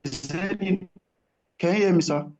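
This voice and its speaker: A man's voice: high voice, normal speed, a little mellow. A man, a student joining a class remotely, asks a question politely and hesitantly while his call audio cracks and glitches. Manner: hesitant, polite, repeats himself.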